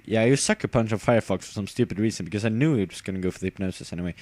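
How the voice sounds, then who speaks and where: A man's voice: lowish voice, racing, darkish tone, no echo. A tired young man casually commenting on his own game battle, rambling with fillers and giggling at himself. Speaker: gamer narrating his battle.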